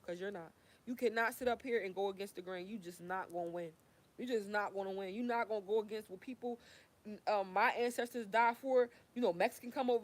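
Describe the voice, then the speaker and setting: A young woman ranting heatedly to her camera, swearing, preaching and repeating herself. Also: a little high. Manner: fiery, swearing, repetitive, preachy. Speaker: vlogger.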